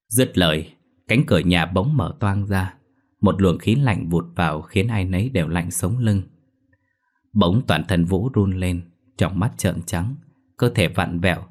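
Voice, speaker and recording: A man narrating a ghost story in a steady, measured reading. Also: deep voice.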